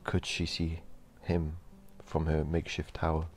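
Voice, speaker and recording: A man narrating a horror story in a slow, measured storytelling delivery. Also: extremely low pitch, completely flat delivery.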